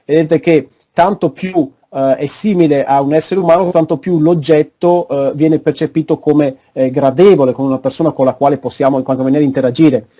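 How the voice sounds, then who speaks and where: A man giving an online academic lecture over a video call, pausing often to search for words. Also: a little high, steady tone, mellow. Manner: halting, frequent searching for words.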